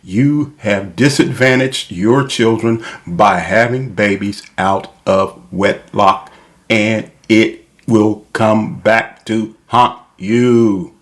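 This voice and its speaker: A man delivering an opinion monologue as a channel host, emphatic and repetitive, spelling his points out deliberately. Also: fairly low pitch, fairly even intonation.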